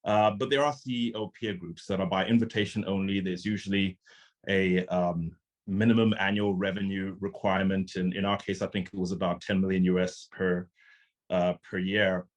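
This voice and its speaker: A man's voice: deep voice, steady tone, normal speed. A man from Zimbabwe, a startup founder and CEO, giving an earnest, conversational conference presentation over a video call.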